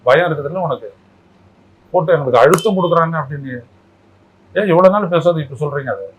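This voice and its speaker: A man's voice: a little high, fast talker, husky, low-quality recording. A man talking as a political commentator in a heated interview, combative and mocking, firing off rhetorical questions. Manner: mocking, scolding tone.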